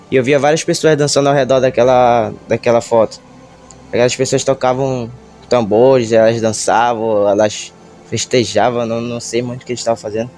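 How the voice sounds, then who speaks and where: A man with a Brazilian Portuguese accent gives a church testimony, nervous and halting, stammering as he retells it with feeling. His voice is mid-range and a little mellow.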